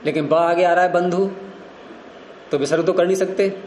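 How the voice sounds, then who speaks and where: A man's voice: high voice, steady tone, normal speed, darkish tone, a little hiss or hum. Man teaching grammar in an echoing room. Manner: explanatory, quizzes students. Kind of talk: classroom teaching. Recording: roomy echo.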